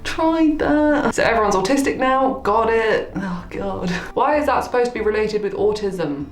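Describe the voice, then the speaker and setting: A woman's voice: mid-range voice, lively intonation, normal speed. A woman casually reading out comments and reacting with dry, playful, self-deprecating sarcasm. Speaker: video creator. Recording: roomy echo, faint music behind. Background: faint music.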